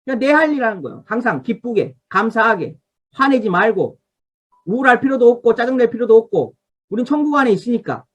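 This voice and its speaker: Woman, pastor, high voice, Bible study sermon, marks up a study guide, asks for responses. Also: animated, fairly quick. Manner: teaching from a study guide, telling listeners what to underline. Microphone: video call.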